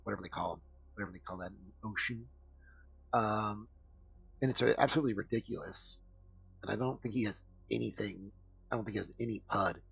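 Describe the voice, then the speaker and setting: A man's voice: fairly low pitch, fairly quick, gravelly, a bit bright, slightly rough, dry recording. A man hosting a podcast, riffing through crude, rambling comedic commentary full of fillers. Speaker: podcast host. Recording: dull lo-fi dry recording.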